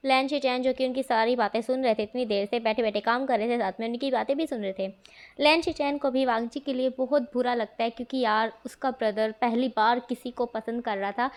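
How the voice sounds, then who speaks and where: A woman narrates a romance fan story in a loose, conversational way. Her voice sits high, and she peppers the telling with fillers. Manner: chatty, with frequent fillers. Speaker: fanfiction reader.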